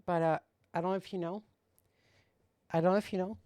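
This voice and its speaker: A woman's voice: lowish voice, fairly even intonation, a little fast, warm tone, no echo, studio quality. A woman giving casual, off-the-cuff reaction commentary, skeptical and often repeating her points. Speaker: reaction video host.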